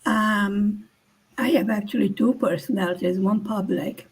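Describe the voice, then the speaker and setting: A woman's voice: mid-range voice, steady tone, a little slow, breathy edge. An older woman hosting a casual live chat, talking bluntly, laughing often and acting out quoted lines. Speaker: channel host.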